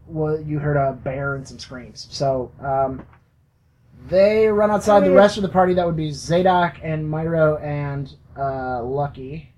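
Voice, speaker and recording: A game master narrating a tabletop role-playing game for a podcast, in slow, halting speech full of fillers. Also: mid-range voice, fairly even intonation, a little mellow, a little hiss or hum, low-quality recording.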